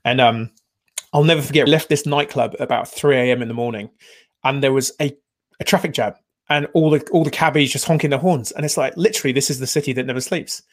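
A man in his forties hosting a casual podcast conversation, telling stories in a chatty, animated way with many filler words. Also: mid-range voice, fast talker. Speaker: podcast host.

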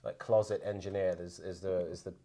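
Low-voiced man from the UK, interview guest. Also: flat delivery, brisk, dark tone. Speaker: surgeon, podcast guest. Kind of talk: casual interview talk.

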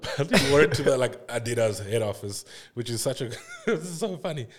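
A man's voice: mid-range voice, wildly swooping pitch, fairly quick. A young South African man, a podcast guest, chatting in a laid-back way, laughing often and trailing off mid-sentence. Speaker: guest, illustrator and art director. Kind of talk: casual podcast chat.

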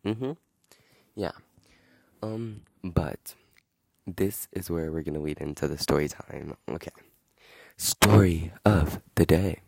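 A young man hosts a podcast outdoors in wind, rambling indignantly through a casual story full of fillers. His voice is low-pitched, slow, creaky, a little mellow and husky, with long pauses, and the recording is dry.

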